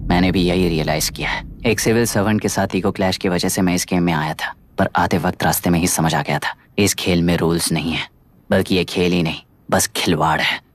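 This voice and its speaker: A man's voice: sits low, fairly even intonation, a little fast, background noise. An actor dubbing a blunt, idealistic young male civil service candidate in a Hindi film. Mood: defiant. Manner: blunt, cutting. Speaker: job candidate. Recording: film soundtrack with loud music.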